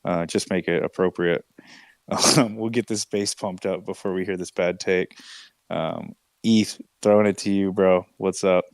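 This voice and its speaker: A man with a low voice and a dry, close sound hosts a casual audio hangout. He talks like a frat bro, in loose slang with the odd swear word. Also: fairly even intonation, unhurried, dry recording. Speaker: host of a live audio chat room. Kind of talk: casual group chat.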